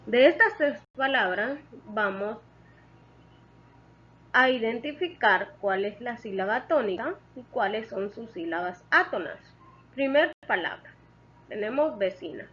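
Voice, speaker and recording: A woman's voice: a little high, expressive, measured pace, fairly bright tone, lo-fi sound, slight background noise. A woman teaching a lesson, explaining step by step and patiently repeating key points.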